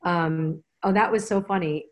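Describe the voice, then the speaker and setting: A woman co-hosting a casual live question session on card reading, animated and often laughing. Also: unhurried. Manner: animated, laughing, acts out the cards in a high voice. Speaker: co-host and card reading teacher.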